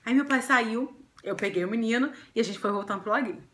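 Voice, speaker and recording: A young Brazilian woman vlogger telling a personal love story to camera, chatty and animated, often breaking into giggles. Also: fairly high pitch, fast talker. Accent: Brazilian Portuguese.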